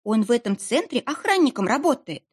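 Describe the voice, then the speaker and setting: A woman's voice: fairly high pitch, sing-song, brisk, husky, pitched above the performer's own voice. A woman voicing a young woman who plays dumb in a pitiful, trembling voice and rambles on nervously. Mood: pitiful chatter. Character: young woman playing a whiny simpleton.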